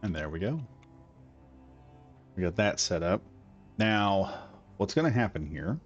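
Unhurried and sing-song in a deep voice, a man streams himself playing a building game, rambling casually as he narrates every step of construction. Faint music sits under slightly dull audio.

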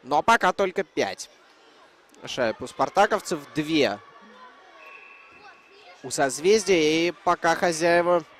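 A man's voice: a little high, animated, slow, long pauses, fairly bright tone. A man giving live commentary on an ice hockey match as it unfolds.

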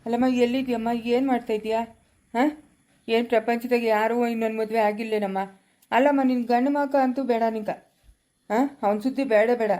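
A woman's voice: fairly high pitch, fairly even intonation, fairly quick, dark tone, natural voice. A woman playing a firm, protective village grandmother in a family skit, with a rural Chikkaballapura Kannada accent and a questioning manner.

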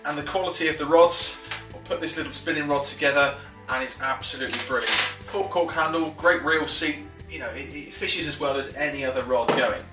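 Speaking to a camera several feet away, a male fishing instructor gives a casual, upbeat tackle tutorial at home, seated at a wooden table and prone to fillers and fast restarts. His voice leans high. Faint music sits under a roomy, slightly distant sound.

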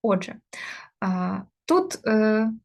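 A woman's voice: mid-range voice, very animated, very slow, gravelly, a little mellow. A woman teaching an exam-prep grammar lesson, explaining step by step with frequent hesitations. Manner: explains step by step with many fillers.

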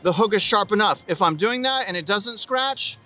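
Animated and bright, the forties-aged fishing vlogger speaks at normal speed in a high, forceful voice, talking casually to viewers from the beach and his kayak at sea and repeating points for emphasis.

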